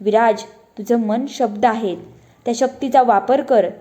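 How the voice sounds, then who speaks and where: A kind sky fairy from a children's storybook, voiced by a woman. She speaks calmly and gently in a mellow, fairly high voice. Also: measured pace, natural voice. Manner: calm, soothing delivery.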